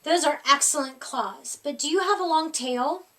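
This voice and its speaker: Woman reading as a high-voiced, cheeky young boy. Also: normal speed, bright, forceful tone. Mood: picky, defiant. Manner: questioning, giggly. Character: picky, cheeky young boy hard to scare at bedtime.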